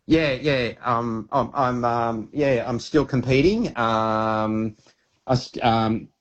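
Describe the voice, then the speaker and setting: A man's voice: medium pitch, muffled recording. Earnest Australian man in his fifties. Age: 50s. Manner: earnest, halting with many fillers. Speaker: guest. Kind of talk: casual radio chat.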